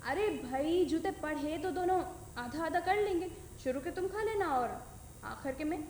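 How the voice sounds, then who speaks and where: A woman voicing a cheeky, quick-witted young girl who teases her brother, in an echoey room. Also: extremely high pitch, animated, darkish tone, recorded from a distance, a little hiss or hum. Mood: teasing. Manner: playful bickering, then stammering in fright.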